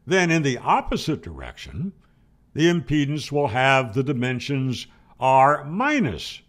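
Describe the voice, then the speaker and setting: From a small room at home, a ham radio host in his 60s or 70s delivers an emphatic technical talk to camera, raising questions and answering them firmly. A close boom-arm studio mic captures his fairly high voice and fairly bright tone.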